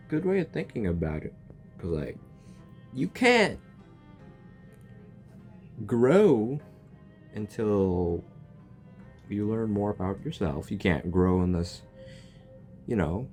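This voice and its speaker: A young gaming reaction YouTuber offers casual commentary on a video game, rambling, joking and stumbling over his words. His voice is medium in pitch with a darkish tone.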